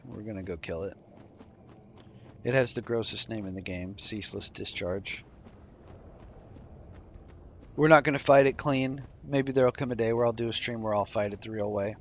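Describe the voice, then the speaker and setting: Yawning through his gameplay commentary, a relaxed man explains what he's doing in a lowish voice. The desk-mic audio sounds dull, with a little hiss or hum.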